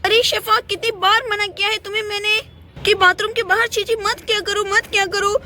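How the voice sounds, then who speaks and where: A woman's voice: very high-pitched, flat delivery, a little fast, sharp tone, a little hiss or hum. A woman voicing a cross, scolding mother in a doll play, bossing her husband around. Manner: scolding, bossy.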